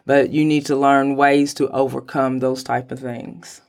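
A woman with a hoarse voice, sick lately, talking casually and emphatically as an interview guest about her own work. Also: a bass voice, little pitch movement, a little slow, darkish tone. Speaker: podcast guest, writer.

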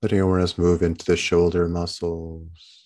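A man leading a guided body-scan meditation as a gentle, soothing bedtime narrator, leaving long pauses between phrases. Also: deep voice, completely flat delivery.

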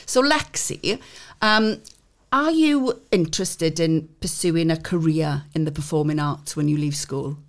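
A woman's voice: deep voice, measured pace, hardly any pauses. A woman, a youth theatre tutor chatting with and coaxing young members in a casual interview.

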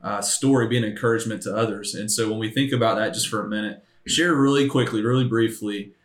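A man hosting a casual church podcast from a table in a church room. His voice sits low and has an upbeat, encouraging lift. The room around him is echoey. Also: fast talker. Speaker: podcast host, ministry leader.

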